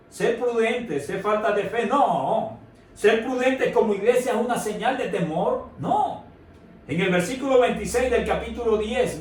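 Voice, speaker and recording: A high-pitched male pastor preaching with slow, emphatic repetitions. His voice rings through a very echoey space, caught from some distance from the mic. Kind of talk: sermon. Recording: echoey room, from far off.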